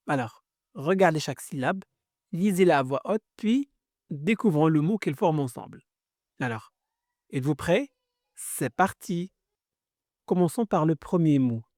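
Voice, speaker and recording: A woman's voice: sits low, a little mellow, dry recording, clean studio sound. A woman giving a children's reading lesson, sounding out letters and syllables one by one, repeating each sound and praising often. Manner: encouraging. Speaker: reading teacher.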